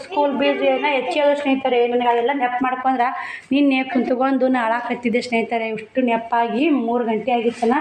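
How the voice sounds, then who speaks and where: A woman in her thirties with a North Karnataka Kannada accent, talking plainly and from the heart to her viewers at home as a vlogger. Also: on the high side. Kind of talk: casual talk to viewers. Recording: echoey room, faint noise.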